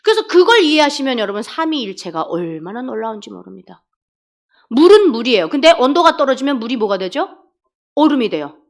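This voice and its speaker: A woman's voice: high voice, very animated, fairly quick. A woman from Korea, speaking, preaches a sermon as a deaconess. She tells stories, acts out dialogues and asks the congregation questions. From North Korea.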